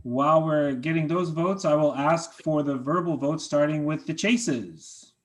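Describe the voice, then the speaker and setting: A man with a slightly raised voice chairs a members' meeting over a video call. He moves through motions and votes briskly and politely, thanking each speaker. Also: fairly high pitch, slight background noise.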